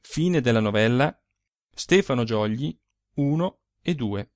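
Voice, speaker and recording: A man's voice: mid-range voice, animated, slow, darkish tone, dry recording, clean studio sound. A man narrating a literary short story aloud with theatrical, varied delivery. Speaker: audiobook reader.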